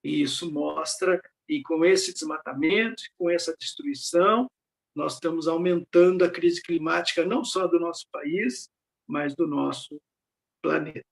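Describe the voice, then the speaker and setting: A man's voice: fairly high pitch, unhurried, vocal fry. An older man speaking as an invited lecturer over slides on a video call, reflective and fond of rhetorical questions. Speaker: invited speaker at a research network meeting. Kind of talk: academic talk over slides.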